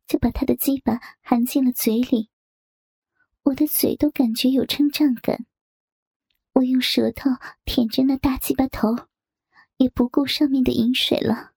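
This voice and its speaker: A young woman reading a story aloud in hushed, intimate whispered narration. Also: high-pitched, no echo. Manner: hushed, intimate, breathy delivery.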